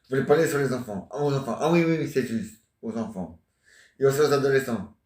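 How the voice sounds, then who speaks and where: A man's voice: medium pitch, expressive, fast talker, darkish tone, distant mic. A man in his forties rambling and joking in casual chat, teasing banter. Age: 40s. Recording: echoey room.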